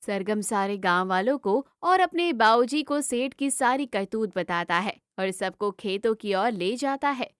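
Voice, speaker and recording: A woman narrating a cartoon moral story in an even storytelling delivery. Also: medium pitch, unhurried, hardly any pauses, clean tone, no echo, clean studio sound.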